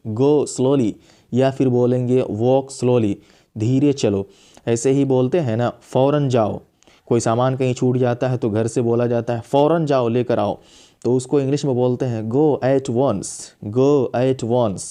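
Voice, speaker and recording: A man gives a spoken English lesson in a mellow, warm voice of ordinary pitch. He states each English command slowly and says it over two or three times so learners can follow. His delivery stays calm and explanatory throughout. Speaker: English teacher.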